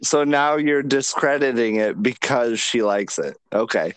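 A man's voice: mid-range voice, expressive, unhurried, fairly bright tone, clear, resonant tone, no echo, rough recording. A man hosting a podcast, teasing and needling his guest in casual banter. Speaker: podcast host.

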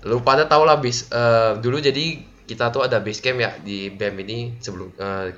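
Young man telling a halting story on a dull mic. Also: medium pitch, fairly even intonation, a bit bright. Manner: halting, full of fillers. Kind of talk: casual horror storytelling.

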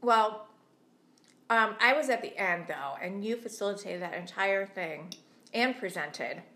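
A woman's voice: mid-range voice, animated, measured pace, pushed and bright. Chatty woman podcast co-host, roomy sound. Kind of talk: casual chat over lunch.

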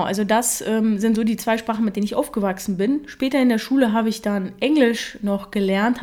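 A young woman's medium-pitched, darkish voice carries her casual solo podcast. Raised in Germany with Russian as her first language, she speaks informally and leans heavily on fillers.

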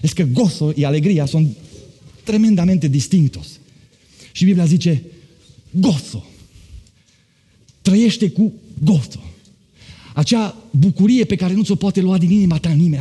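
A man's voice: expressive, pauses often, husky. Emphatic preacher man in a reverberant hall. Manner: emphatic, builds with repeated phrases, swings between loud high and low. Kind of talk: sermon.

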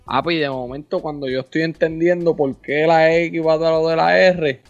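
Animated host, muffled sound. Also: male voice, a little high, normal speed, no room sound, faint music behind. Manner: animated, slangy, gets excited. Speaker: podcast host. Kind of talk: casual interview chat.

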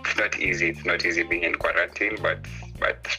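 A man's voice: low-pitched, steady tone, brisk, bright, forceful tone. A man with a Kenyan accent, a guest on a casual remote call, answering hesitantly and repeating his words. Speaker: podcast guest, sexual health educator. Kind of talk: casual phone interview. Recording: remote call with music over it. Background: music.

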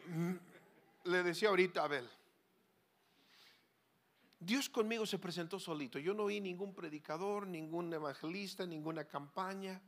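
Impassioned high-voiced preacher. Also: male voice, moderate pace, pauses often. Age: 40s or older. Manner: impassioned preaching that swings from loud cries to hushed low asides. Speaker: pastor. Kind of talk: sermon.

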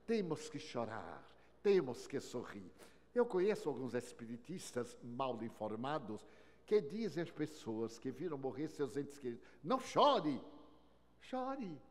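An older man giving an inspirational lecture, telling stories with wry humor and big swings between loud and soft. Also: a little high, slight background noise. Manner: storytelling with wry humor, sweeping swings in loudness. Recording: long reverb of a large hall.

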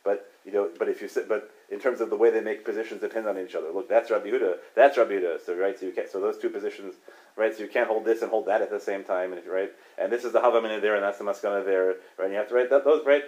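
This Torah teacher speaks in a lowish, somewhat mellow voice with fairly even intonation. Teaching Talmud study casually, he peppers his points with "right?", jumps into quick restarts, and lets out chuckles.

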